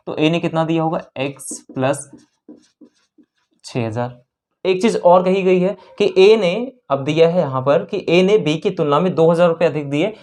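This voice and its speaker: With a low, slightly mellow voice and an Indian accent, a woman teaches a maths lesson step by step. She repeats phrases and poses questions as she explains.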